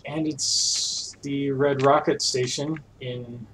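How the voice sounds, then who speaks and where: A man's voice: mid-range voice, fairly even intonation, takes it slowly, a bit bright, a little hiss or hum. A man streaming a puzzle game, thinking aloud in a chatty, unsure way as he works things out. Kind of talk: casual let's-play commentary.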